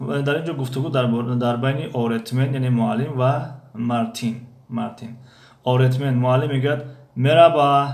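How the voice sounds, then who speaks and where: Creaky-voiced man teaching a lesson. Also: mid-range voice, darkish tone. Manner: hesitant, many pauses and fillers, repeats phrases slowly. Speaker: language teacher. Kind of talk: explaining a textbook lesson. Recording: echoey room.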